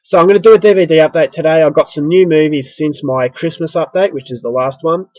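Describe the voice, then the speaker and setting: His voice a little high and stuffy with a coming flu, an Australian man talks at a quick pace in a casual, rambling, self-mocking vlog to his viewers. The recording is dry with the highs cut off.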